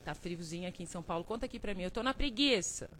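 A woman hosting a live stream as a self-help speaker, talking casually and warmly to viewers by name, coaxing and motivational, with frequent chuckles. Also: on the low side, animated, fast, a little hiss or hum, poor audio. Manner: affectionate, calls viewers by name and "love"; playful, chuckles often.

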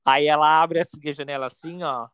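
A man's voice: a little high, steady tone, brisk, fairly bright tone, clean tone, dry recording. A Brazilian man from São Paulo state with a Brazilian accent. He tells an anecdote in a casual chat, campy and dramatic, full of slang asides. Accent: Brazilian Portuguese. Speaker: podcast storyteller.

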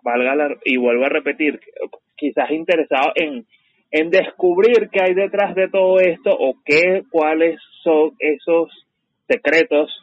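A man's voice: fairly high pitch, measured pace, dry recording. Cautious man hosting radio. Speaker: radio host. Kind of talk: casual radio commentary. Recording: dull, dry radio studio sound.

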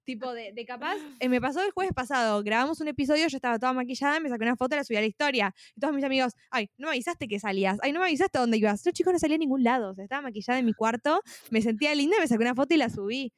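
A woman's voice: sits high, very fast, few pauses, no echo, clean studio sound. A woman with a Rioplatense Spanish accent, talking casually as a podcast co-host, with lots of fillers. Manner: conversational, many fillers like "tipo". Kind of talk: casual chat.

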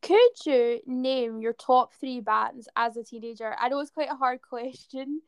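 Mid-twenties female host, higher smooth voice, dry close sound, easygoing interviewer. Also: unhurried, no echo. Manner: friendly, laughs often, asks follow-up questions. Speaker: podcast host. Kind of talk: casual interview chat.

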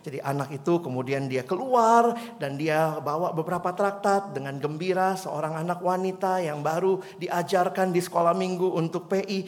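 A man's voice: high-pitched, moderate pace, few pauses, long reverb tail. A man preaching an earnest sermon and leading prayer in a church, telling a story with swelling emphasis.

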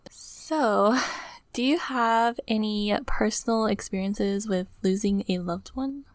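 Young woman, podcast co-host, teary, fills every pause with "like", dry close sound. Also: medium pitch, no room sound. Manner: says "like" constantly, emotional and on the verge of tears. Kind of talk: casual chat.

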